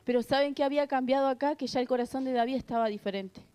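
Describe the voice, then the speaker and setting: A woman's voice: sits high, fast, mellow, clear, resonant tone. A woman preaching a sermon, earnest, reading scripture and asking the congregation rhetorical questions. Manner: reads scripture aloud between remarks.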